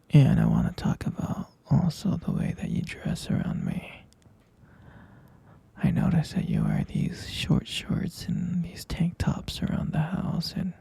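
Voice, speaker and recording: In an ASMR roleplay, a man plays a mature stepfather, using a breathy, husky half-whisper that is somewhat high and warm. His heavily acted delivery is hesitant, confiding, and concerned.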